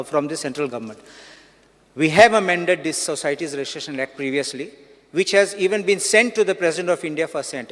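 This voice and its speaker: A man, a legislator and advocate, raising measured, insistent legal objections in a debate. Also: fairly high pitch. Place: legislative assembly hall. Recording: long hall reverb.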